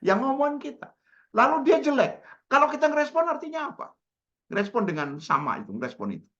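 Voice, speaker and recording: Man, Indonesian accent, webinar coach, expressive delivery, dull webinar audio. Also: extremely high pitch, fast. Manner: lively, calls on attendees by name, acts out little dialogues. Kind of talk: informal webinar teaching. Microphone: video call microphone.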